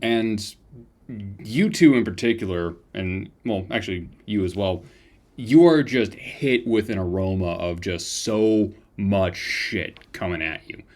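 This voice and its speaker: Low-voiced casual game master. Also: male voice, unhurried, darkish tone. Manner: casual, crude narration. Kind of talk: narrating a tabletop game.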